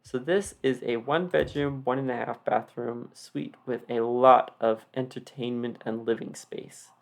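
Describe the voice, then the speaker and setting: The speaker is a video creator walking through a game build in loose, unscripted commentary full of self-deprecating tangents. Retainers give him a slight lisp, and his medium-pitched voice is creaky, steady in tone and unhurried.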